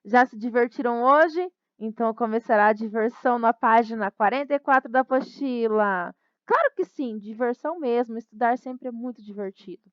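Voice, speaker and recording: A woman teacher explaining a lesson in a cheerful way, spelling out syllables slowly. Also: fairly high pitch, clean tone, no echo, lo-fi sound. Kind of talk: recorded class explanation.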